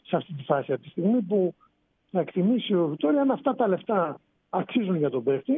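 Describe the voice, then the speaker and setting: A man, a sports reporter phoning in to a radio show, explaining in an animated way. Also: sits high, husky, dry recording. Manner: explanatory, animated, rising emphasis. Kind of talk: sports radio phone-in analysis. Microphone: phone. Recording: tinny phone line on radio.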